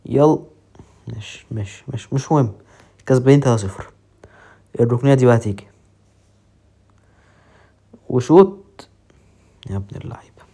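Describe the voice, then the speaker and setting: A man with an Egyptian accent commentating his own football game match with excited, joking play-by-play. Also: medium pitch, moderate pace, vocal fry, long pauses, slightly rough. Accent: Egyptian Arabic. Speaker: mobile football gamer.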